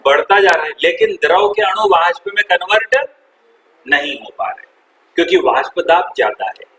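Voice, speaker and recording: A man's voice: sits high, expressive, normal speed, sharp tone, roomy sound, a little hiss or hum, poor audio. A male chemistry teacher, lecturing a classroom and quizzing the students, repeating their answers and calling them "beta". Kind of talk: classroom lecture with call-and-response.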